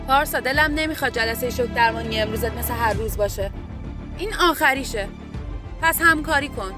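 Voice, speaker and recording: A woman's voice: a little high, over music, lightly acted. A woman acting a firm, weary nurse in an audio drama, coaxing and then insisting with a difficult patient. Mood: insistent. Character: firm, weary female nurse in a psychiatric ward. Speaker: guest voice actor.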